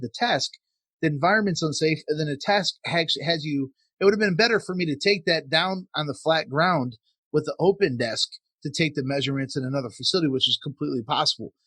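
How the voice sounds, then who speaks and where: Husky-voiced man telling a work story. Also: on the high side, dry recording. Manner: storytelling, animated when quoting. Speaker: podcast co-host. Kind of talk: casual safety podcast chat.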